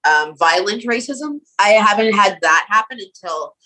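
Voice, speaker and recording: A woman's voice: medium pitch, expressive, moderate pace, pushed and bright, rough recording. A woman from Nova Scotia, a guest in an interview, talking casually with lots of "like" and "um" fillers. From Canada (Nova Scotia). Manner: casual, many "like" and "um" fillers, laughs often.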